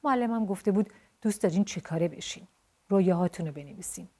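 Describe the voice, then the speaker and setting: In a told storybook tale, a woman voices a blunt, spirited tomboy girl with short hair, sounding lively and chatty. Her voice is lowish and mellow with a breathy edge. The character starts blunt and quick-tempered, then turns chatty.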